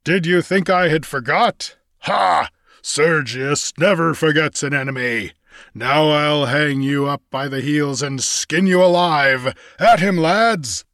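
A man's voice: fairly high pitch, slow, a bit bright, no echo, clean studio sound, pitched above the performer's own voice. A man voicing a giant, bullying pirate captain who bellows his threats. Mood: bellowing. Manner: bellowing, menacing.

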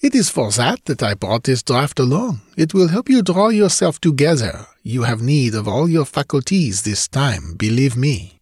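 A small, brisk French occult doctor, voiced by a male narrator in a raised, lighter voice. He speaks formally and confidently with a French accent. The sound is dry and close. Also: mid-range voice, very animated, a little mellow, husky, no room sound, voice pushed up. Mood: assured.

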